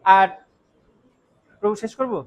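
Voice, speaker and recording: A man teaching how to pronounce scripture verses, explaining patiently and chanting lines slowly as examples, often checking that his listeners follow. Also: sits high, low-quality recording. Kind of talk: devotional recitation lesson.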